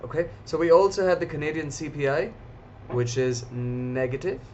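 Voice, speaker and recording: A man's voice: on the high side, moderate pace, a little mellow, slight background noise. A man hosting a live stream and commenting on markets in a casual, chatty way, talking straight to his viewers. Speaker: trading stream host. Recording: slightly dull lo-fi audio.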